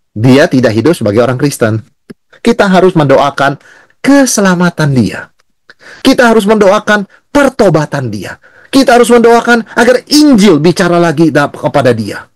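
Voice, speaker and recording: A man's voice: fairly high pitch, no echo, studio quality. A male pastor teaching a Bible study in a conversational way, often asking and answering his own questions. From Indonesia.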